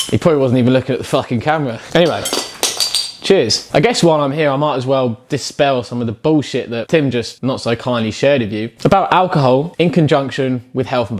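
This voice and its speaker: A man hosting a comedic fitness vlog, lecturing bluntly and laid-back with plenty of swearing. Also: mid-range voice. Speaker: fitness host.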